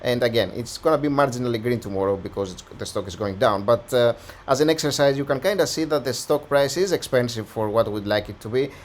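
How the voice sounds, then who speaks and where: A man who is slightly hoarse, host of a stock analysis channel, talking through a valuation in a conversational, think-aloud way. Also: medium pitch, quick pace. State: slightly hoarse, losing his voice. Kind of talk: casual stock analysis walkthrough.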